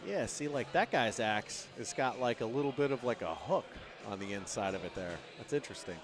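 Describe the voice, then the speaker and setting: A man doing casual color commentary at an axe-throwing event, telling rambling stories in a relaxed way. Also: medium pitch, a little fast, over music. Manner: rambling, laid-back storytelling with laughs. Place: on a platform at the event venue.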